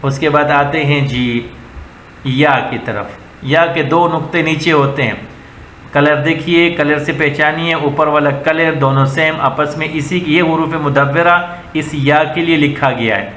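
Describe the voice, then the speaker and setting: A man with a Pakistani accent gives a slow letter-by-letter reading lesson, patiently naming and repeating each sound. His voice is bright and fairly high. The room rings with echo, and a faint hum sits underneath. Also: fairly even intonation. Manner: patient, repetitive, drills letters one at a time. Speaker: Quran reading teacher. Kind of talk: slow word-by-word teaching. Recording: echoey room with faint ambient noise.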